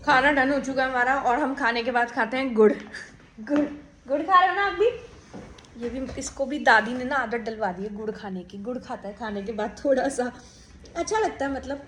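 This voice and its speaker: Chatty young mom vlogging at home. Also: female voice, moderate pace, a bit bright. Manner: chatty, switches to high sing-song voice with her child. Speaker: vlogger, mother. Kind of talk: casual vlog talk mixing English. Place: home kitchen. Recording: echoey room with faint household noise.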